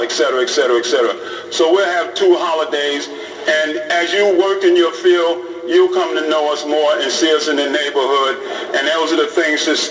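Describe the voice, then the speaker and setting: A man's voice: fairly high pitch, a bit bright, muffled recording. A middle-aged man, an imam, speaking in a plain, repetitive way to police recruits. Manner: plain-spoken, repeats phrases for emphasis. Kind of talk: informal talk to police recruits. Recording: roomy hall audio from a distant mic.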